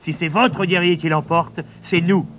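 A man's voice: on the high side, lively intonation, unhurried, voice pushed up. A man voicing a boastful giant warrior who roars taunts at his enemies in a storybook reading. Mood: roaring taunt. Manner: roaring, mocking.

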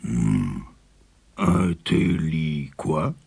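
A man's voice: a bass voice, very animated, drawn-out words, gravelly, a little mellow, slightly rough, no echo, clean studio sound, full character voice. A man voicing a sly, greedy tiger in a storybook, purring and scheming as he talks. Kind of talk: storybook character voice.

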